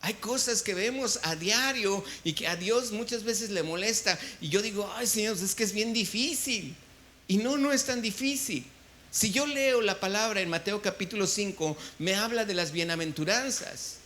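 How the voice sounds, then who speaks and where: Bright-voiced Mexican pastor quizzing his flock. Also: high voice, normal speed. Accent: Mexican Spanish. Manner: quizzes the congregation, call-and-response. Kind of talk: sermon. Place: church.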